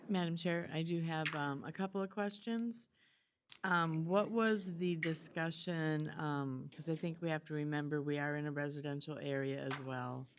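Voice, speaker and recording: Gravelly, flat-voiced woman commissioner. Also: sits low, noisy background. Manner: measured, questioning, hesitant fillers. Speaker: county commissioner. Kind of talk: public meeting remarks.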